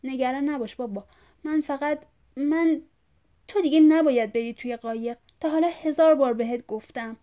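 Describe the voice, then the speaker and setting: A woman's voice: sits high, dark tone, dull audio, pitched above the performer's own voice, lightly acted. A woman reading a story aloud, voicing a grown son who pleads patiently with his father. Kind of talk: audiobook reading.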